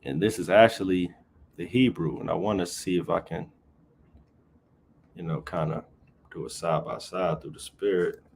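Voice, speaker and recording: A man with a low, fry-tinged voice teaches the Bible informally over a livestream at a normal speed, pausing often amid slight background noise. He reads passages aloud, then talks through them casually, tagging most phrases with "right?"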